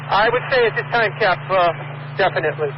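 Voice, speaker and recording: A man with a very high voice reports as a firefighter over two-way radio, hesitant but matter-of-fact. The sound is muffled and full of noise. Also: a little fast. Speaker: firefighter on scene. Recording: muffled, noisy scanner radio audio.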